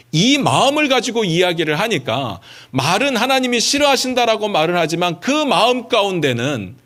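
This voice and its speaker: Man, pastor, sermon, conversational, rhetorical questions, high voice, lively pitch. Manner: conversational preaching with rhetorical questions and acted quotes.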